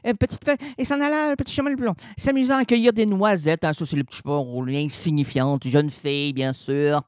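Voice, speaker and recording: Radio host, male, goofy rambling storyteller, slightly high voice, dry close studio sound. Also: fairly even intonation, fairly quick, dry recording. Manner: rambling, playful, wordplay and stammered restarts. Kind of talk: absurd comic storytelling on radio.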